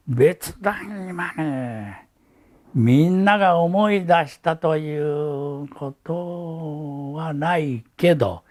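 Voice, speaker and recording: An elderly man with a Hiroshima accent gives oral testimony as a survivor, telling his memories in a halting, reflective way. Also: fairly high pitch, darkish tone. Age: elderly, 80s or older. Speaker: atomic bomb survivor giving testimony. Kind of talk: recorded oral testimony, reminiscing.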